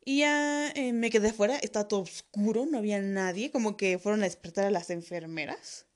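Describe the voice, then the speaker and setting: A woman's voice: medium pitch, a little fast. A woman with a Mexican accent telling a funny personal anecdote, crude and slangy, full of swearing. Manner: crude, profanity-laced, slangy storytelling.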